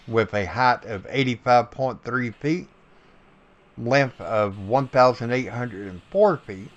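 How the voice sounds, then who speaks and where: A man's voice: medium pitch, muffled recording. A man narrating a scripted promotional video as its host.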